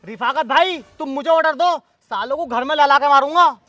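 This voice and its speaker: A man's voice: extremely high pitch, brisk, sharp tone, dry recording. A man playing a hot-headed enforcer in a rustic comedy sketch, aggressive and swaggering with crude boasts.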